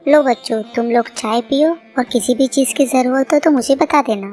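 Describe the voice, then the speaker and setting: A woman voicing a gentle, sad middle-aged mother bird in a cartoon, speaking softly and pleadingly. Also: high-pitched, moderate pace, faint music behind, lightly acted. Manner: soft, pleading.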